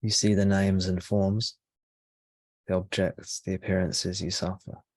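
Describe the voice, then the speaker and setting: Guiding a meditation in the role of a spiritual teacher, a deep-voiced man delivers slow, measured short phrases with pauses in between. His delivery is flat, his tone darkish, and there is no echo.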